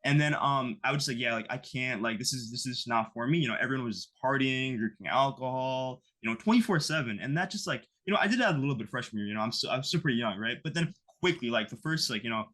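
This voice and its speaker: A man's voice: medium pitch, animated, fast talker, few pauses, a bit bright. A man in his twenties from the US East Coast, an interview guest talking casually and rambling with lots of fillers. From East Coast of the United States. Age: 20s. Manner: rambling, heavy on fillers like "you know" and "like".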